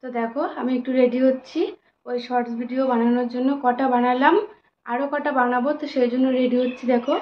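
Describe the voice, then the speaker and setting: A woman's voice: high voice, a little hiss or hum. A young woman vlogging from her home kitchen, chatting casually to viewers as she narrates her cooking and chores step by step. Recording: dull lo-fi home recording.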